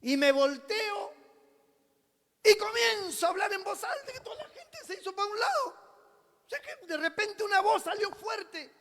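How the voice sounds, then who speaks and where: A man, a pastor preaching a sermon as a personal testimony, telling it dramatically and swinging between loud passages and hushed ones. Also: extremely high pitch, lively intonation, moderate pace. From Peru. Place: church sanctuary. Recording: long reverb of a church hall.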